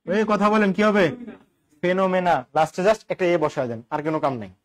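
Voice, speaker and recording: A man's voice: high-pitched, lively intonation, quick pace. A male teacher, giving an exam-prep grammar lesson and quizzing listeners with repeated questions and jokes. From Bangladesh.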